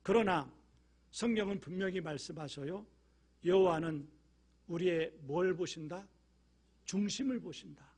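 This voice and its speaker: A male pastor delivers a sermon in a high voice. He moves between quiet, low passages and loud, forceful appeals. He voices the prayers he quotes with emotion. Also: husky. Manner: swings from hushed, low asides to loud, emphatic appeals.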